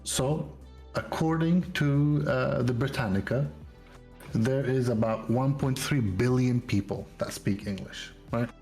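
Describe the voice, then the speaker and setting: A man's voice: medium pitch, a little slow, gravelly, darkish tone, faint music behind. A man co-hosting a podcast in casual chat, explaining facts and often checking in with his listeners. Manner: explanatory, keeps checking in with "right?" and "you know?". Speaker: podcast co-host.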